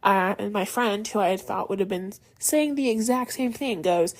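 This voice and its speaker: A woman's voice: mid-range voice, moderate pace. A young adult woman hosting a podcast, telling a personal story in a casual, chatty way with many fillers. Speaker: podcast host.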